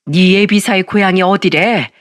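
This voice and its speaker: A woman's voice: medium pitch, moderate pace, no room sound, close to an everyday voice. A woman voicing a blunt, bossy middle-aged female school friend who scolds and accuses in a Korean storytelling recording. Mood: scolding. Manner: brash, scolding.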